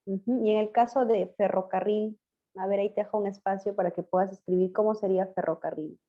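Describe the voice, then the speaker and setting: A woman teacher giving an online language class, patiently quizzing her pupils and spelling words out slowly. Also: mid-range voice, fairly even intonation. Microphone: video call. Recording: muffled lo-fi video call audio.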